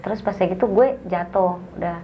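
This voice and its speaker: A young woman, telling a story as a guest in a casual, animated way and acting out the dialogue. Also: fairly low pitch, fairly quick, a little hiss or hum, low-quality recording.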